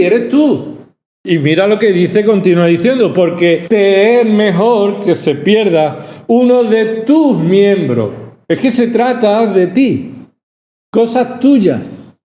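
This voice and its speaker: A man's voice: high-pitched, mellow, reverberant. A male pastor from preaching a sermon, pressing his points with rhetorical questions and repetition. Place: church hall.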